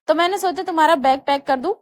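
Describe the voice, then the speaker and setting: A woman reading a cool-toned young husband. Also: lightly acted. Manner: low, cold measured tone.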